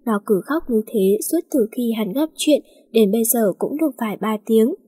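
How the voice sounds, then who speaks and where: A woman reading a romance story aloud in a steady, plain voice. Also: on the high side, moderate pace, slightly rough.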